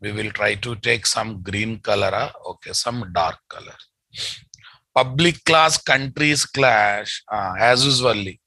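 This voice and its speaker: A very bright, forceful male voice with a Telugu accent, recorded dry and close. He speaks slowly as an instructor dictating code, repeating phrases and often checking that listeners follow. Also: mid-range voice, dry recording, poor audio. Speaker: programming instructor. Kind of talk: live online coding lesson, dictating code.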